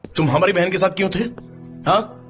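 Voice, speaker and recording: An actor playing a hot-tempered, protective elder brother in a dubbed TV drama, confrontational and threatening. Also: male voice, high voice, fairly quick, fairly bright tone, faint music behind.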